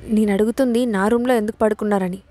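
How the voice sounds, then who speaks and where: A woman voicing a quick-tempered, childlike young bride in a storybook reading. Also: medium pitch, steady tone, warm tone, no echo, lightly acted. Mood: fiery, petulant.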